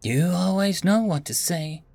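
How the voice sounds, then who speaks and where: A man voicing a young tentacled alien heiress who whines and pleads melodramatically in a high voice. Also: expressive, a little slow, creaky, darkish tone, dry recording, heavily acted. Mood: tender. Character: young tentacled alien hive-mind heiress, whiny and lovestruck.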